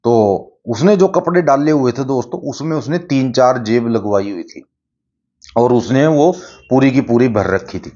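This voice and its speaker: A man's voice: mid-range voice, normal speed, dark tone. A man casually telling a story he dreamed, talking plainly and checking in with his listeners often. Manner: plain conversational, many "theek hai" asides. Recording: slightly dull lo-fi recording.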